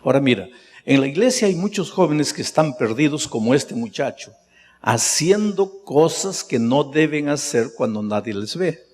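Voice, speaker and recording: A man's voice: animated, moderate pace. Impassioned male pastor in a reverberant hall. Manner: impassioned preaching, swinging from hushed lows to soaring highs. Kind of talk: sermon. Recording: long reverb of a large hall.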